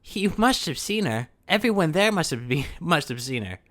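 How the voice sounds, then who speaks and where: A man's voice: on the high side, big pitch swings, normal speed, bright, forceful tone. A man with a sore throat voicing an earnest young male defense lawyer from a courtroom game, in an urgent, pleading way. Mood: insistent.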